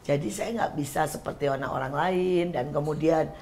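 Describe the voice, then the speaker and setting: A woman's voice: sits low, normal speed, a little mellow. An older woman hosting a casual talk show, chatty and teasing as she asks her guests questions. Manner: chatty, teasing, laughs often. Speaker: host.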